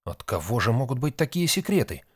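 A man's voice: mid-range voice, big pitch swings, a little fast, slightly rough, no echo, studio quality. A man reading an audiobook, voicing a curious, wry male space explorer.

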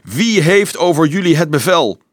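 A man voicing a foreign officer who shouts orders down from castle walls. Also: on the high side, expressive, normal speed, no room sound, studio quality, pitched above the performer's own voice, natural voice. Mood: commanding. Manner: shouting down, commanding.

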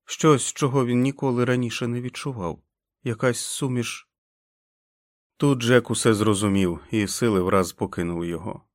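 A man reading a novel aloud as an audiobook narrator, with dramatic, expressive delivery. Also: mid-range voice, moderate pace, dry recording, clean studio sound.

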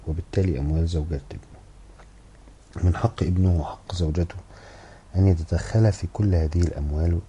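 A man's voice: low voice, dark tone, slight background noise, close to an everyday voice. A man reading the part of a passionate woman who insistently defends her friend in an audiobook. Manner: heated, insistent.

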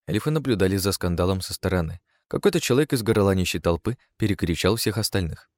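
Low-voiced man narrating fantasy. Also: lively intonation, fast talker, a little mellow, no room sound. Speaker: audiobook reader. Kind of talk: dark comic fantasy narration.

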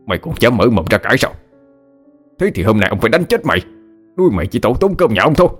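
Guy doing a low gruff rich old master, barking and bullying, horror audiobook. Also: fairly quick, faint music behind, natural voice. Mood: furious. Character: harsh older rich master, quick to rage.

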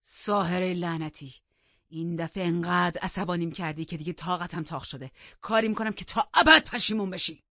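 A woman voicing a furious, brutal middle-aged master of the house who shouts threats, in a dull lo-fi recording. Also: fairly low pitch, dry recording. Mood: threatening.

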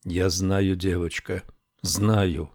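A man voicing a kindly country gendarme in an audiobook, speaking low and soft to calm someone. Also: very slow, creaky, dry recording, studio quality, full character voice. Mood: soothing. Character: gruff but kindly male country gendarme.

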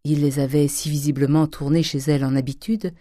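Measured audiobook narrator, dark voice. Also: medium pitch, flat delivery, no echo, clean studio sound. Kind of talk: audiobook reading of a classic novel.

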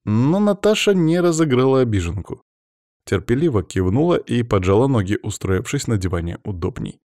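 A man narrating a first-person audiobook in a quiet, measured way that often drops to a hush. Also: mid-range voice, very animated, dry recording, clean studio sound.

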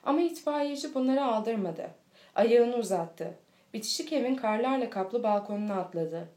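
A woman reading a children's storybook aloud in a steady, clear manner. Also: fairly high pitch, moderate pace. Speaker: audiobook reader. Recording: echoey room.

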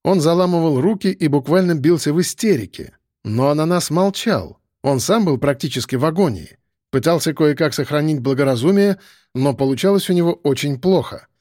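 A man reading a novel aloud as narrator, in an expressive manner. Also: a little high, brisk, dry recording, studio quality. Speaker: audiobook narrator. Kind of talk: scripted narration.

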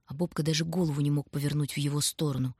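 A woman narrating a children's storybook in a calm, even reading voice, close to the mic. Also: low voice, rapid-fire, husky, no room sound. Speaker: audiobook narrator.

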